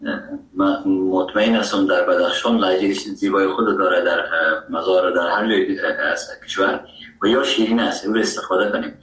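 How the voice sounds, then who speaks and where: Afghan dari guy, low voice, reflective, sounds far off in a roomy space. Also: steady tone, a bit bright. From Herat, Afghanistan. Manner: reflective, speaks at length. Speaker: guest singer-songwriter. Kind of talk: radio interview. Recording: roomy, distant mic.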